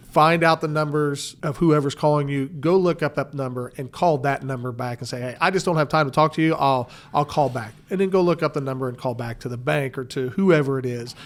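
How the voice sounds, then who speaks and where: A man, a financial advisor, giving earnest, cautionary advice in casual chat and coming back to the same warnings. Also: a little high. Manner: earnest, cautionary, repeats "again" often.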